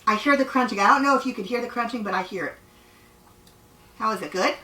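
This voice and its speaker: A woman's voice: a little high, fast, sharp tone. A woman hosting a cooking show, chatting casually and playfully while she cooks. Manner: chatty, friendly, playful with her partner. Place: home kitchen. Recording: echoey room, mic at a distance.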